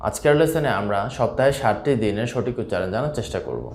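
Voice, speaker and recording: A man teaching English pronunciation, repeating each word slowly as a drill. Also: mid-range voice, expressive, a little mellow, roomy sound. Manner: slow, repetitive drilling of words. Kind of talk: instructional lesson.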